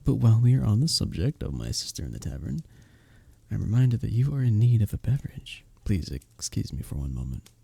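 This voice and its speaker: The same husky medieval innkeeper character is performed heavily acted and brisk, the man's voice on the low side, warm and reassuring. He's flirty and good-natured, teasing in a storyteller's archaic, formal wording, as part of a scripted ASMR roleplay.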